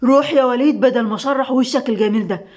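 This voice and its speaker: A woman's voice: a little high, very fast, darkish tone, natural voice. A woman with an Egyptian Arabic accent, voicing a cold, stern, jealous young man in a story.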